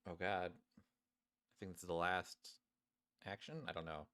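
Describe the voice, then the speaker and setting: This male streamer has a low, smooth, bright voice with a forceful edge, little pitch movement, and a measured pace. He casually rambles at his viewers, commenting on gameplay and reading story text aloud as game music plays.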